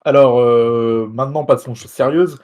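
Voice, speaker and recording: A man's voice: medium pitch, steady tone, moderate pace, darkish tone. A man hosting an interview podcast, reading a scripted introduction and questions in formal, ornate wording.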